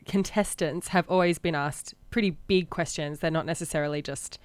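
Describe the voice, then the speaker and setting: A woman's voice: low voice, normal speed, noisy background. An Australian woman co-hosting a radio show, chatting casually, often laughing and hedging with "I don't know.". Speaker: radio co-host. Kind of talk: casual chat.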